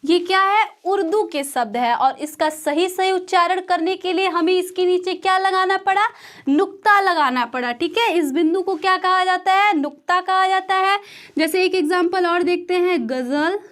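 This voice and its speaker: High-voiced woman teaching Hindi grammar. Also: normal speed, fairly bright tone. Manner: explains step by step, asks and answers her own questions.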